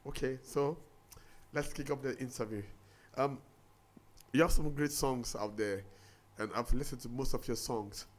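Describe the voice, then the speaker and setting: Radio host, halting questions. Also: male voice, mid-range voice. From Ghana. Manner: halting, repeats words while forming questions. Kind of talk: casual radio interview.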